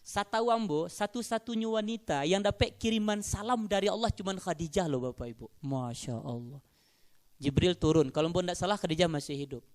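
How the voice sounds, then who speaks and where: A man's voice: high voice, fairly quick. A man with a Minangkabau accent preaching a sermon, often addressing and teasing the congregation. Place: mosque gathering.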